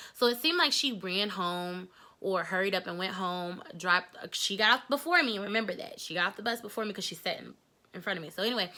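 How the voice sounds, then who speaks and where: A young adult woman chatting casually in a storytime vlog, telling a story in a lively, slangy way. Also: medium pitch. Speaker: vlogger.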